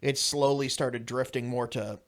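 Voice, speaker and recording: A man's voice: mid-range voice, fairly even intonation, measured pace. A man chatting casually on a commentary track about a comedy series he made, rambling and laughing at himself. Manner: laughing, rambling, self-mocking. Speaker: co-creator commenting on his show.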